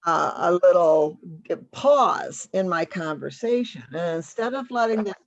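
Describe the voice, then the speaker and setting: A woman instructor talks through a lesson in a loose, conversational way, full of fillers and restarts. Her voice has a gravelly, fry-laden edge. The sound is dull and lo-fi, as from a video call. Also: fairly low pitch, animated, unhurried. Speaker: massage school instructor. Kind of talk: teaching over a video call. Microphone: computer mic on a video call.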